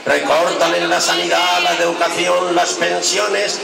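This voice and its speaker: A man's voice: high-pitched, little pitch movement, a little slow, gravelly. A man with an accent from Spain declaiming satirical rhymed verse as a festival town crier. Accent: Spanish from Spain. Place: outdoors at night, public festival stage. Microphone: far camera in the audience. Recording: distant outdoor amateur recording, echoey, loud crowd noise.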